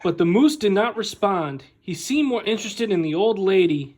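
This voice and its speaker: This is a high-voiced man giving an expressive picture-book reading in the style of a school staff member at storytime. He uses deliberate, animated phrasing and lets dramatic pauses hang.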